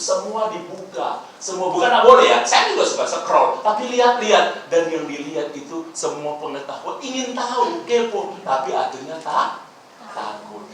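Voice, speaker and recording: A high-voiced, bright man preaching in a large church hall, his voice swooping up and down as he jokes and then drops to a hush. The mic sits far off, so the sound bounces around the hall with a faint hiss beneath. His manner is lively and playful. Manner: animated, playful, swings between loud outbursts and quiet asides. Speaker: pastor. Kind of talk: sermon.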